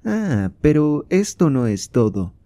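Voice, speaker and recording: A man's voice: fairly high pitch, big pitch swings, slow, warm tone, no room sound, voice pushed up, heavily acted. A man reading aloud, voicing a proud and indignant queen with a raised, fervent, declamatory delivery. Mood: scornful.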